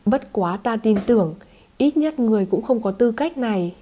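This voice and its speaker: A woman voicing a calm, confident young man who answers threats coolly. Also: fairly high pitch, normal speed. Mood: calm defiance. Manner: calm and composed.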